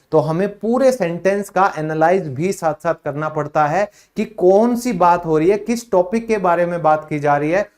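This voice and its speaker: A native Hindi speaker with an Indian accent teaches a spoken English lesson in a voice that sits high and is a little mellow. He explains things in Hindi and says short English phrases slowly.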